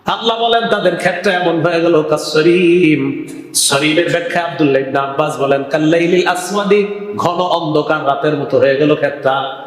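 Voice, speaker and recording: A fairly high-voiced man preaching a waz sermon in a large hall, its echo hanging long after each phrase. He chants Arabic verses, then explains them in everyday speech, acting out the people in the story. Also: normal speed. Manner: acts out the people in the story, whispering and urging. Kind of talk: Bangla waz sermon with Quranic recitation. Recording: echoey hall with long reverb.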